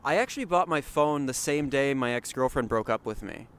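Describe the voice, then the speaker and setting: A man's voice: mid-range voice, lively intonation, brisk, a bit bright, clean tone. A young man co-hosting a podcast outdoors at a mall, chatting in a laid-back, slangy way. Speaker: podcast co-host. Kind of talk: casual chat. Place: outdoors at a mall parking lot.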